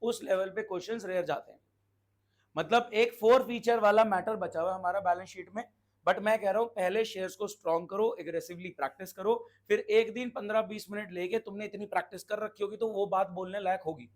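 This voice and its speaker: A man's voice: sits high, fairly even intonation. A man teaching a commerce class, quizzing and scolding his students as he explains. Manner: brisk, scolding, asks the class questions. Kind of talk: classroom lecture.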